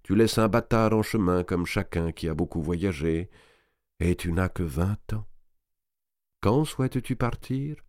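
A man playing an old uncle, a shrewd banker, speaking slowly and in a measured, fatherly way in a storybook reading. The voice sits low. The sound is dry and close. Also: no room sound. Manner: slow, measured, calm.

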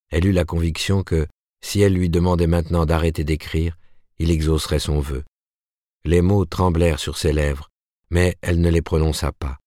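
Deep-voiced male audiobook narrator. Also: warm tone, no room sound, studio quality. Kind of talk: scripted narration.

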